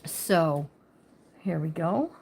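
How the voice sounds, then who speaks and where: A woman's voice: sits low, lively intonation, extremely slow, gravelly, slight background noise. A woman hosting a casual craft livestream. She chats with viewers by name and thinks aloud while she works. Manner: says she talks loud.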